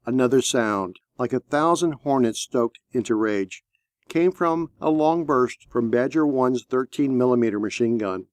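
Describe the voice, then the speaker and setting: A man reading a military novel aloud as narrator, with a steady, measured delivery. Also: medium pitch, dry recording. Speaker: audiobook narrator. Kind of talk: scripted narration.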